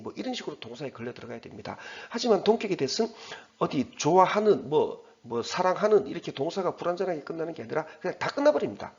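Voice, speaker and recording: A middle-aged man teaching English, explaining slowly and patiently with many fillers and spelling words out letter by letter. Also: on the high side, gravelly. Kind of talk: lecture on English grammar and vocabulary. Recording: dull lo-fi recording.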